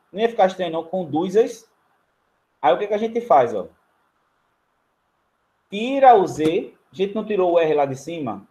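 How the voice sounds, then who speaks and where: A man's voice: a little high, warm tone. A man with a Brazilian accent teaching a grammar lesson. He explains each step in turn while writing on a board and keeps checking in with the class. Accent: Brazilian Portuguese. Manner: writes on a board while talking.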